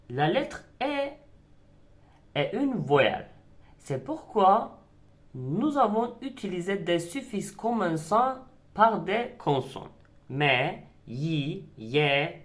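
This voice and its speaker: A man teaching a language lesson, slowly and deliberately, repeating example words. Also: sits high.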